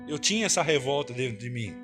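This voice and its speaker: A man's voice: medium pitch, expressive, fast talker, over music. A man giving an emotional, earnest personal testimony in church, telling his story with frequent tag questions.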